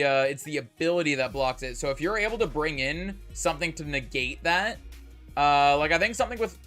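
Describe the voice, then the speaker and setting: A man's voice: on the high side, fairly bright tone, smooth. A young man from Canada, with a mostly American accent and a slight Canadian tinge, chatting casually on a live stream and rambling with lots of filler words. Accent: mostly General American, slight Canadian. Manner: rambling, lots of "like" and "uh" fillers, hums while playing.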